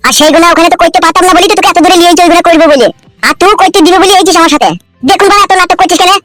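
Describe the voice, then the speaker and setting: A woman voicing a poor, crude village husband in a cartoon, speaking in a with rapid, defensive scolding. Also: extremely high pitch, a bit bright. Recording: faint background music.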